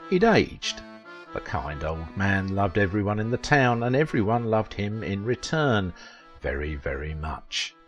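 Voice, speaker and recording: A man narrating a comic short story in a playful, animated way. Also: lowish voice.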